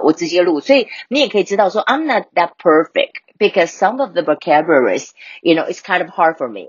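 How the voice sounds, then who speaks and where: Woman teaching English, husky voice. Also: lowish voice, no room sound. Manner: switches between Mandarin and English, explains vocabulary slowly. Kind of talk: bilingual English lesson podcast. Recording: dull, lo-fi dry recording.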